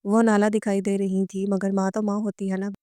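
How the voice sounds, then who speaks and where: Woman reading a novel out loud, steady, flat, kinda dark voice, dry close mic. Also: mid-range voice, moderate pace, clear, resonant tone, dry recording. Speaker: novel narrator. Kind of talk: scripted narration of a romance novel.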